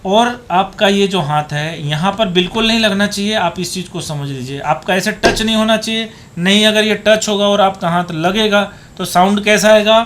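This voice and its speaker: A man's voice: sits high, normal speed, hardly any pauses, a bit bright, a little hiss or hum. A man teaching dholak, patiently explaining hand positions and counting beats aloud as he plays. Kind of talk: demonstrating a music lesson. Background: dholak drumming.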